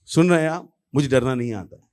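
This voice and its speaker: Animated male pastor preaching. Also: mid-range voice, fast talker, clean tone. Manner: animated, with frequent exclamations to the congregation. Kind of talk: lively Hindi sermon.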